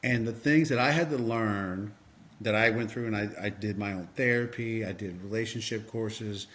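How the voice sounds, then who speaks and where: A man's voice: fairly low pitch, moderate pace, a bit bright. Earnest man telling a personal story. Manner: earnest, emotional, frequent fillers and restarts. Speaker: podcast guest, bodybuilding coach.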